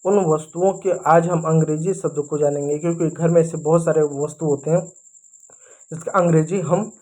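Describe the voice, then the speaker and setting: A man leads a vocabulary lesson for children and friends watching. He explains each sentence word by word and slows right down whenever he reads an English example. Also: fairly high pitch, steady tone, warm tone, low-quality recording. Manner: addresses viewers as children and friends. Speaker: teacher.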